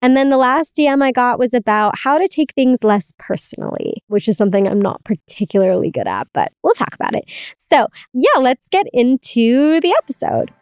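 A woman's voice: fairly high pitch, very animated, normal speed, a little mellow, clean tone, no room sound, clean studio sound. A woman podcast host chatting casually and giggling, recording from inside a clothes closet. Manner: chatty and giggly, with frequent "like" fillers. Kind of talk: casual solo chat. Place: inside a clothes closet under a towel shelf.

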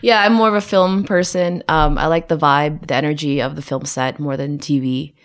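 This production designer, raised in the United States, sounds tired as she talks through a casual interview, laughing often and restarting with plenty of fillers. She speaks low, with fairly even intonation, at a moderate pace.

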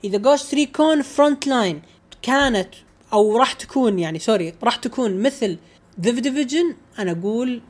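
A man's voice: very high-pitched, lively intonation, normal speed. A man co-hosting a casual gaming chat, ranting in an exasperated, emphatic way. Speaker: gaming podcast co-host.

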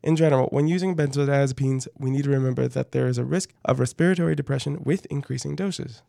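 A man's voice: mid-range voice, fast, gravelly, mellow, no echo, clean studio sound. A man co-hosting a medical podcast, reading scripted educational material with folksy, playful phrasing.

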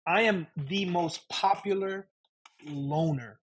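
A middle-aged man with a husky, slightly high voice talks candidly as a guest on a podcast. He is a chef and business owner who speaks frankly, with a sarcastic edge, often circling back on his own phrases. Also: takes it slowly. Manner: frank, sarcastic, repeats himself with laughs. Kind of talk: candid conversational interview.

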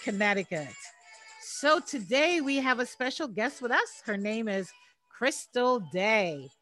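A woman's voice: on the high side, bright, forceful tone. A woman hosting a faith-based podcast, upbeat and welcoming, laughing often with her guest. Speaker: podcast host.

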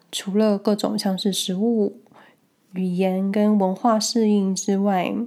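A woman with a Taiwanese Mandarin accent talks in a relaxed, mellow voice at a middle pitch. Her sound is noticeably nasal, as though her nose is stuffed up with a cold. She tells personal stories casually and reflectively, like a podcast host chatting to listeners.

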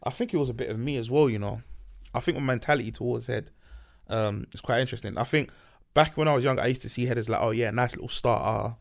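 A man's voice: medium pitch, quick pace, vocal fry. A man with a London accent talking candidly and casually on a podcast, full of slang and repeated emphasis. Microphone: podcast microphone.

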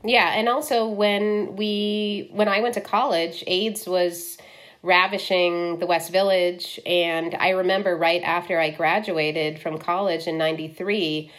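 Frank woman director from Ohio, lowish voice. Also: steady tone, unhurried, fairly bright tone. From Ohio, US Midwest. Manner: frank, lots of likes and ums. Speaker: guest film director. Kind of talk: candid conversational interview.

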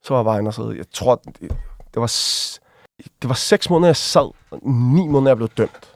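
A man speaks as a guest in a casual interview, recounting events with halting restarts and fillers. He slips into acted voices when quoting others, which keeps the telling lively. His voice sits at a middle pitch in a dry, close recording. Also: creaky, no room sound. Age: adult. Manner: vivid, acts out quoted voices while retelling.

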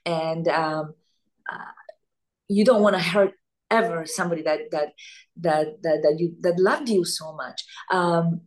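Soft-pitched actress, searching for words. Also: female voice, measured pace. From Italy. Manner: thoughtful, searching for words, animated. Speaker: actress guest. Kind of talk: casual interview chat.

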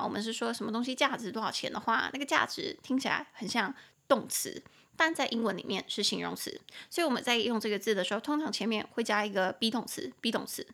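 A young woman hosting a chatty podcast English lesson, explaining words slowly and repeating them. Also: a little high, sharp tone. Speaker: podcast host, English teacher.

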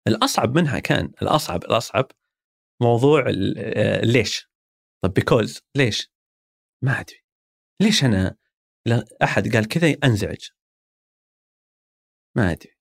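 This is a reflective, conversational interview in which the guest, a Saudi-accented man who used to be a marketing executive, thoughtfully illustrates his ideas with everyday examples. He has a medium-pitched voice that is creaky and husky. The recording is dry and of studio quality.

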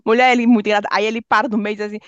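A woman's voice: mid-range voice, level tone, very fast, no room sound, muffled recording. A woman, co-hosting a casual chat and telling stories animatedly, often breaking into laughter. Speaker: podcast co-host. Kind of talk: casual chat among friends. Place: lives in London, recorded remotely.

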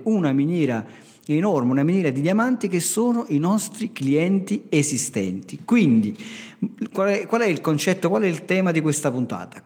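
A man hosts a podcast, explaining things to his listeners in a conversational way and emphatically repeating key phrases. His voice is slightly high, a little mellow, and husky, and the recording carries a long, reverberant hall echo.

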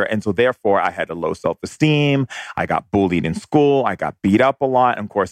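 A man in his fifties, from Hawaii, tells a long personal story. His voice sits very low, and he wanders through his thoughts with plenty of "you know"s. The sound is dry, with no room echo. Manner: rambling, reflective, filler-heavy. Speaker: shamanic spiritual speaker.

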